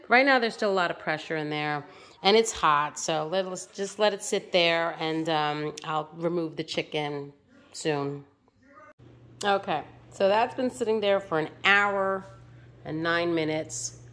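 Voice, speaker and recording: This woman, an American who vlogs as a home cook, chats through her meal prep in her kitchen at home. Her voice is on the low side and a bit bright, and she speaks a little slowly.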